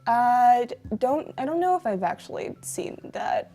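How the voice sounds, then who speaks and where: A woman's voice: a little high, big pitch swings, measured pace, dark tone, faint music behind. A woman playing a hesitant, stammering witness in improvised comedy.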